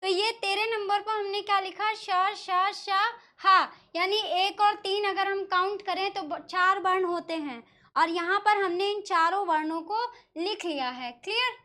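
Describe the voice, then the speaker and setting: A woman's voice: extremely high pitch, measured pace, sharp tone. A woman teacher from northern India explaining a lesson step by step, asking questions and answering them herself. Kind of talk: classroom lesson explaining Sanskrit pronunciation.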